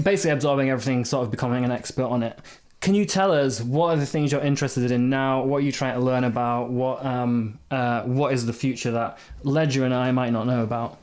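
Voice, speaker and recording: A man's voice: mid-range voice, a little mellow. A man co-hosts a casual interview podcast with an ordinary mid-range voice. He is chatty and laughs easily. His questions run long and loose, full of ums and restarts. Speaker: podcast co-host.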